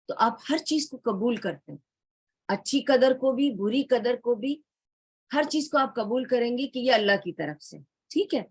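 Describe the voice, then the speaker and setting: Calm woman teaching a religious lesson. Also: on the high side, slightly rough, dry recording. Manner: retells history, mixing English words into her speech; calm, explanatory tone, addressing the listeners directly. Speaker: Islamic studies lecturer.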